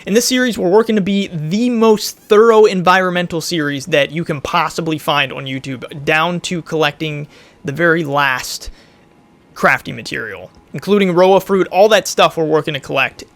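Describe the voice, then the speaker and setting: Male gaming YouTuber, rambling let's-play commentary, slightly worn gravelly voice. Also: on the high side, moderate pace, a bit bright. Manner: chatty, rambling, thinks aloud. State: losing his voice a bit.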